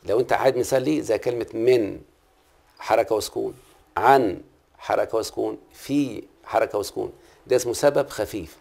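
A man's voice: on the low side, brisk, vocal fry, long pauses, a little mellow. A middle-aged man with an Egyptian Arabic accent, teaching a class and patiently quizzing the students, repeating key terms. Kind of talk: classroom lesson on Arabic prosody.

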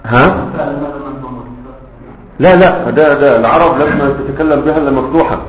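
A man's voice: on the high side, a little hiss or hum. A man with an Egyptian Arabic accent teaching a grammar lesson, patiently explaining and often checking that his students follow. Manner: patient, explanatory, keeps checking understanding with quick questions. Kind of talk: classroom-style grammar lesson. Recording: roomy, dull lo-fi recording.

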